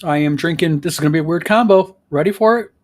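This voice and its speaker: Husky, easygoing man on a live chat. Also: on the high side, fast. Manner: easygoing, brief replies. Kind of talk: casual livestream chat.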